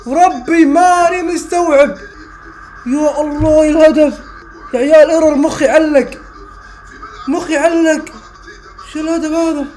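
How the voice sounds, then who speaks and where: A young man reacting live to a football match, exclaiming and repeating phrases, shouting at goals. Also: extremely high pitch. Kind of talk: excited live reaction commentary.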